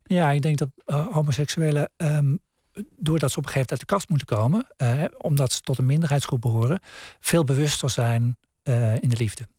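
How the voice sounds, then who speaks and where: A man speaks as a guest on a radio show, his voice dark and mellow. He talks hesitantly, searching for words and restarting his sentences. The studio sound is dry and close. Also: fairly high pitch, brisk, breathy edge, no room sound. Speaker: science journalist guest. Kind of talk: radio interview.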